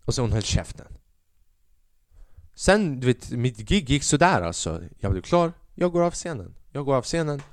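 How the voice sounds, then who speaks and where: A man's voice: medium pitch, big pitch swings, no room sound, clean studio sound. A young man, a podcast host and stand-up comedian, telling a rambling, profane story in a casual monologue.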